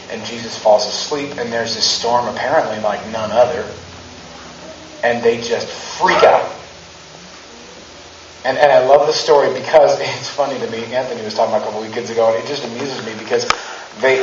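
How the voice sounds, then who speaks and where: Speaking at a moderate pace in a mid-range voice, a man in his thirties delivers a conversational, joking sermon inside a church sanctuary, building emphasis as he acts out quotes. The background is noisy. With a handheld mic and a far-off camera, the recording comes across as roomy, distant and dull.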